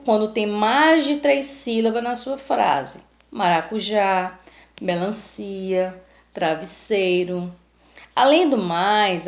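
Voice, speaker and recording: Brazilian woman teacher, slow and careful, dictating examples in an echoey room. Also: mid-range voice. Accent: Brazilian Portuguese. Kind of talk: recorded lesson.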